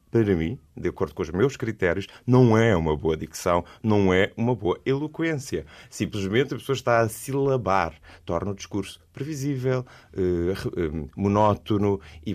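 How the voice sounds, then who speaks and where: Deep-voiced Portuguese man explaining. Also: expressive, moderate pace, hardly any pauses, darkish tone. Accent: European Portuguese. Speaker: guest, speech and prosody trainer. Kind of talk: explanatory interview talk.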